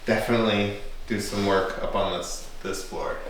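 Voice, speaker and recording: A man giving an informal, explanatory tour indoors, choosing his words deliberately with pauses. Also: lowish voice, little pitch movement. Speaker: castle tour guide. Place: large indoor castle rooms. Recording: echoey room with faint noise.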